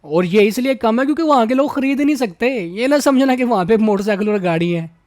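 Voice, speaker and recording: A man's voice: very high voice, animated, brisk, a little mellow, no room sound, studio quality. A man hosting a roast video, mocking and insulting in a ranting tone. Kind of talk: roast commentary.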